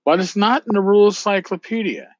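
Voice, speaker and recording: A man's voice: high-pitched, fairly quick, dry recording, highs cut off. A man hosting a casual solo podcast, musing and rambling as he repeats phrases for emphasis. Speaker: podcast host.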